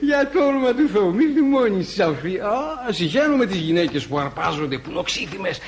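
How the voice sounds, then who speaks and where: A maudlin drunk old painter. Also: male voice, sits high, big pitch swings. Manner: slurring, maudlin and wheedling. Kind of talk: radio drama acting.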